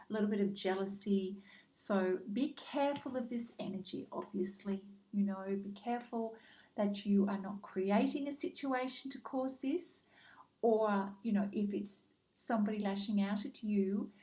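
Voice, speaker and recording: A woman doing a casual spoken tarot card reading, gentle and reassuring, with frequent ums as she speaks straight to the listener. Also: mid-range voice, rough recording. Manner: addresses the listener directly by star sign.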